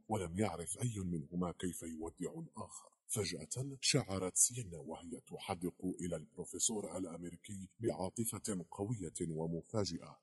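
Deep husky male audiobook narrator. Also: darkish tone. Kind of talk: scripted narration of a novel.

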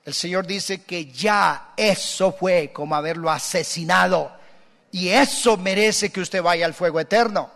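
High-voiced Colombian pastor preaching. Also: male voice, a little slow, creaky, long reverb tail. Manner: lively, humorous, puts on voices of listeners. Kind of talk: sermon. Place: church.

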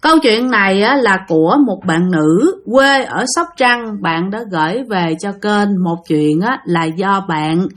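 A woman's voice: medium pitch, expressive, a little slow, hardly any pauses, fairly bright tone. A woman with a Southern Vietnamese accent, a channel host retelling listeners' stories in a chatty way that speaks straight to her audience. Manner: chatty, addresses listeners directly. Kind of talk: casual storytelling narration.

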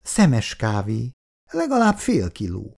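A man reading aloud and voicing a brisk, bustling older working-class housewife who talks in a quick, chatty way. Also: medium pitch, wildly swooping pitch, gravelly, a little mellow, exaggerated voice. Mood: excited.

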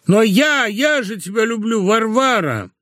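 A man's voice: fairly high pitch, moderate pace, no room sound, clean studio sound, voice pushed up, lightly acted. A man doing a whiny, nasal, wailing husband. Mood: pleading. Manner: nasal, drawling, wailing declamation. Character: whiny self-pitying middle-aged husband on hunger strike.

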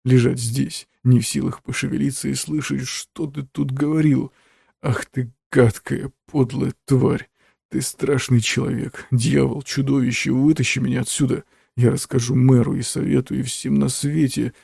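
A man voicing a dying old man who shouts slow, furious accusations. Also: medium pitch, fairly even intonation, vocal fry, slightly rough, dry recording, clean studio sound.

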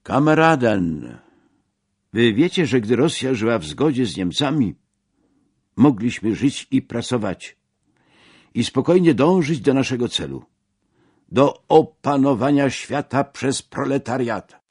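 Man playing a zealous delegate, emphatic oratory, husky, unhurried, dry sound. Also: medium pitch, big pitch swings, a little mellow, no room sound, voice pushed up, exaggerated voice. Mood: impassioned. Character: zealous male workers' delegate giving a speech.

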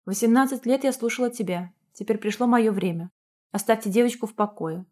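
Woman voicing a soft-spoken mother. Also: a little high, fairly quick, close to an everyday voice. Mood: firm. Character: gentle, worried mother who turns firm.

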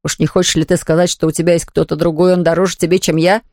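A woman's voice: on the low side, little pitch movement, fast, darkish tone, no echo, natural voice. Woman doing a young guy in love, earnest and sure of himself, dry sound. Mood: urgent. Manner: earnest, reassuring. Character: young man, ardent and confident fiancé.

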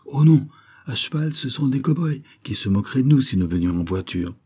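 A man voicing a lively, playful little girl with an English accent in an audiobook, raising his voice high and eager. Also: fairly quick, slightly rough.

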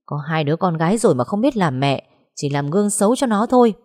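A woman's voice: fairly low pitch, lively intonation, fast talker, dark tone, close to an everyday voice. A woman voicing a short-tempered middle-aged father who scolds his family in an audio story. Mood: scolding. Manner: scolding, gruff.

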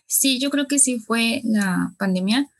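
Female interviewee, measured reflective delivery, mid-pitched voice. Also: gravelly, soft background music. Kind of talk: casual reflection.

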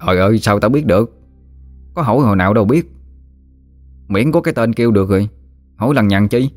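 A man's voice: on the low side, lively intonation, fast, darkish tone, faint music behind, lightly acted. A man voicing a chubby, joking village boy, offhand and lazy.

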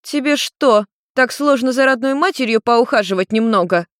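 A woman's voice: a little high, normal speed, no room sound, clean studio sound, voice pushed up, close to an everyday voice. A woman voicing a middle-aged witch mother who is tipsy and teasing, drawling her words in a slurred, playful way.

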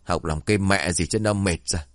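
A man's voice: low voice, normal speed, no echo, clean studio sound, natural voice. A man voicing a drunk, cursing, violent father. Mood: drunk angry. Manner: shouting, cursing, demanding. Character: drunk, violent middle-aged father, crude and bullying.

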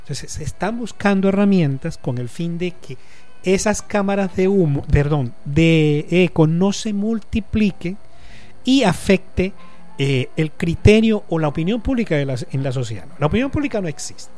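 A man in his fifties with a Caribbean Colombian accent and a slightly higher-than-usual pitch for a man. He talks in a relaxed radio interview, working through long, reflective explanations. He pauses often and leans on small fillers as he thinks. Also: faint music behind. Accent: Colombian Caribbean coast. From Colombian Caribbean coast. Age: 50s. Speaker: guest, journalist and lecturer. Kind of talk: casual radio interview talk.

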